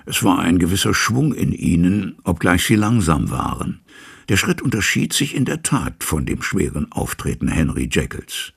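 A man narrates a classic novel with measured, dramatic storytelling. His voice sits very low, with a heavy gravelly fry and a strongly husky grain. His pitch moves in wide, lively swings through each sentence. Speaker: audiobook reader. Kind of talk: scripted literary narration.

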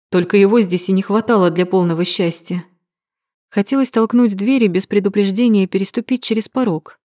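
A woman's voice: mid-range voice, dark tone, no echo. A woman narrating a romance novel in the first person, reading expressively and dramatically on a close mic. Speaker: audiobook narrator.

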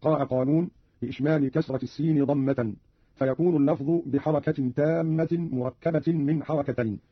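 A man's voice: a little high, fairly even intonation, brisk, slightly rough, no echo, muffled recording. A man formally explaining Quran recitation variants, reading out example verses, on an archival radio recording.

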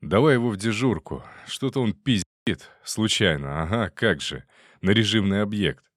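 Man doing a brisk commanding soldier. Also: lowish voice, expressive, no echo, clean studio sound. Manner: clipped, commanding. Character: brisk male army soldier in charge.

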